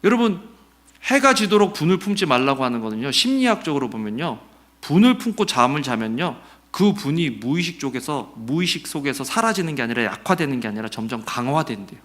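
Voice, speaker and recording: A middle-aged man preaches his Sunday sermon at a brisk clip, his voice in the mid range. As pastor he stays conversational and animated, asking the congregation questions and acting out quotes.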